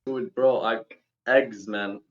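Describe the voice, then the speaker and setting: A young man born and raised in the UAE, Palestinian, speaking casually as a guest over a video call, slangy and quick in bursts. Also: fairly low pitch, steady tone, lo-fi sound.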